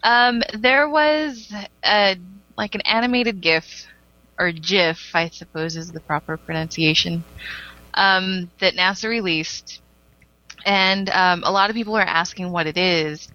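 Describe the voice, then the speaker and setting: A woman's voice: medium pitch, measured pace, sharp tone, lo-fi sound. A woman co-hosting a casual podcast, reading out a news story with frequent ums. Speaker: podcast co-host. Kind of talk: casual chat.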